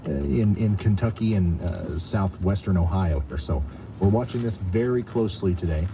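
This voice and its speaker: Low-voiced man doing live storm coverage, noisy background. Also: normal speed. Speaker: live weather streamer giving storm coverage. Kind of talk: live severe weather commentary, ad-libbed.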